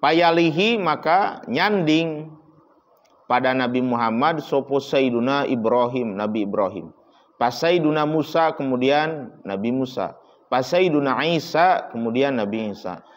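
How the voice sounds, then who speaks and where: A man giving a religious study lecture as a teacher, telling stories and acting out dialogue, swinging between loud lines and hushed asides. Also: medium pitch, a little slow. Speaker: kitab teacher. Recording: dull lo-fi recording.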